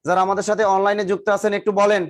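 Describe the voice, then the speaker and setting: A man's voice: sits high, flat delivery, very fast. A male teacher giving a live classroom lecture, drilling students with repeated questions and teasing or scolding them. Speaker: exam coaching teacher.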